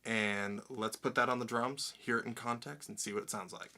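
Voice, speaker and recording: A man's voice: medium pitch, fairly even intonation, moderate pace, bright, forceful tone, a little hiss or hum. A young man teaching drum set, explaining step by step and counting beats aloud in an upbeat way. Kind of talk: instructional lesson.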